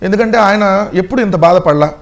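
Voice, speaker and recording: A man on a TV news panel, arguing in a heated way with mocking, rapid rhetorical questions. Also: high-pitched. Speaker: political panelist.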